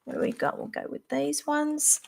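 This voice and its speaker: A chatty middle-aged woman hosts a live-stream psychic reading from home, her voice sitting a little high. She thinks aloud, breaks off mid-phrase and restarts with fillers as she goes. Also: wildly swooping pitch, normal speed, vocal fry, noisy background. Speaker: psychic reader.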